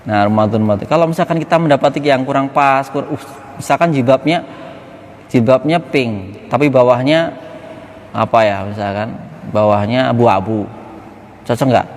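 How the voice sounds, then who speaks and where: A man giving an informal, animated religious lesson to young students. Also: medium pitch, moderate pace, pauses often, in a large hall. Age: 30s. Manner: animated, acts out classmates' quips. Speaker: ustadz teaching students.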